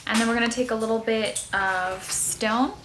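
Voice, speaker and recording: A woman's voice: on the high side, steady tone, normal speed, noisy background. A woman hosting a casual makeup tutorial, chatting informally as she explains each step.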